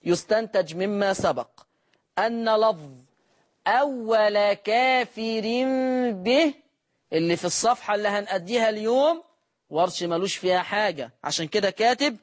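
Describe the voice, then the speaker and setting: A man with an Egyptian Arabic accent teaching a lesson on Quran recitation rules. He asks his students questions and answers them himself, and he chants quoted verses slowly and drawn out. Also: high-pitched, animated.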